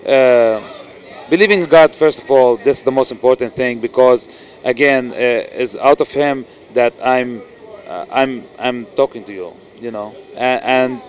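The recording is rough: a middle-aged Lebanese-accented actor with a medium-pitched, unhurried voice answers questions earnestly in a casual interview. He uses a handheld mic at a noisy indoor event venue and often restarts and fills pauses.

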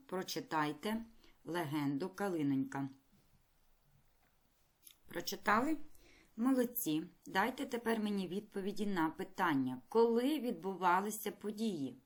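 Woman teacher giving a video lesson to young kids, clear and patient, kinda low voice. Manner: clear, patient, encouraging classroom delivery. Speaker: primary school teacher.

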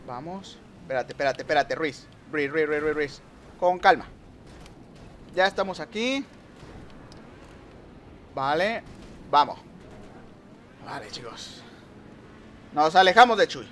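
Excitable young man commenting on gameplay. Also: on the high side, slow, long pauses, slight background noise. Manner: excitable, talks to viewers and rivals, trash-talks. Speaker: gaming youtuber.

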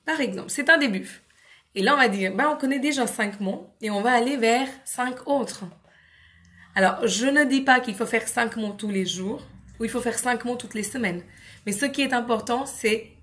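A woman with a French accent and a fairly high, bright voice explains to parents how to teach English at home. She is clear and patient, using simple word examples.

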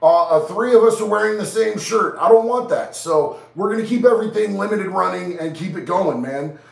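Reading out viewers' chat with relaxed slang, this livestream host is a man in his thirties whose head cold leaves him stuffy and nasal. His high-pitched voice moves briskly with some vocal fry, and the mic sits far away, giving a roomy sound in his small neon-lit indoor studio.

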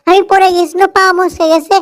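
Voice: very high voice, flat delivery, a little fast, fairly bright tone. A performer with a Bogura accent voicing a coy, pampered young woman, an officer's daughter, in a comedy dub, plaintive and whining. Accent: Bogura, northern Bangladesh. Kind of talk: comedy dubbing in dialect.

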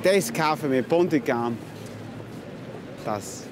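A man's voice: fairly high pitch, expressive, takes it slowly, background noise. A man in his fifties with a Styrian Austrian accent, a carpenter chatting casually and repeating himself, in city streets and on a train. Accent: Styrian Austrian German. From Austria, near Graz. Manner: chatty, repetitive, exclaims "ein Wahnsinn". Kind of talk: casual chat, broken simple phrasing to foreigners.

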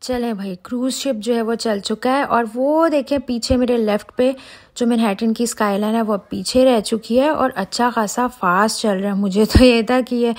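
A chatty woman in her thirties vlogging outdoors on a cruise ship deck. She talks straight to her viewers in a casual, excited way, recorded on a handheld phone. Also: fairly high pitch, moderate pace. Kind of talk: casual travel vlog narration.

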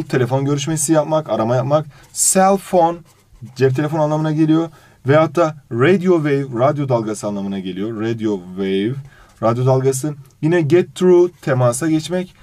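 A man's voice: mid-range voice, no echo. A man teaching an exam review lesson, reading out English phrases and translating each one while fondly addressing his student. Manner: animated intonation.

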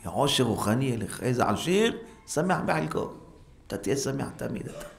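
A rabbi giving an animated Torah lesson, exhorting his listeners with repeated rhetorical questions and acting out quoted voices. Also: gravelly. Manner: animated, acts out quoted voices with sharp pitch jumps. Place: synagogue hall. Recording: faint background noise, live stream.

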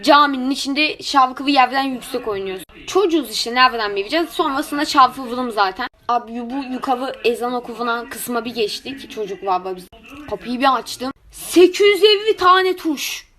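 High-voiced woman who can't say her R's. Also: normal speed, pushed and bright. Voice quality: speech impediment, cannot pronounce R and some letters. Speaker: social media content creator. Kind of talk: casual comedic chat to followers.

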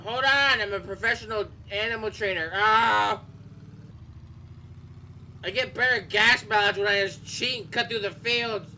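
A man giving joking, casual commentary as he plays a video game, now and then breaking into excited shouts. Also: high-pitched, fairly quick, few pauses, a little hiss or hum. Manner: joking, bursts into shouts while playing. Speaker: gaming YouTuber.

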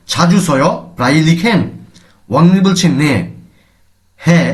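Bangladeshi guy teaching a lesson, voice a bit on the high side, repeats words and quizzes himself. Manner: explains each word in Bengali, repeats terms, asks and answers his own questions. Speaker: Korean language teacher. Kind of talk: recorded language lesson.

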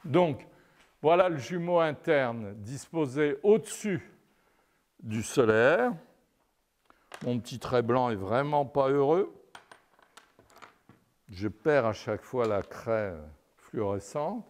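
Speaking slowly with long pauses and big pitch swings, an older man with a slightly mellow mid-range voice lectures live on anatomy, sketching on a chalkboard. He wanders off on wry digressions, often checking in with listeners and sprinkling in "n'est-ce pas".

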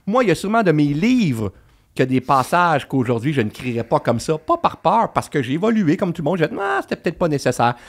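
Man, Québécois accent, fairly high voice, lively rising and falling pitch, quick emphatic talk. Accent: Québécois French. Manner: animated, emphatic, swears casually. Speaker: guest novelist. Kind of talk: casual podcast chat.

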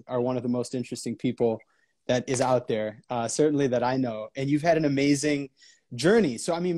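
Jokey man interviewing on a video call. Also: medium pitch. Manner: jokey, quick to laugh, asks warm questions. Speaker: composer and interviewer. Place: home room. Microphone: laptop webcam on video call.

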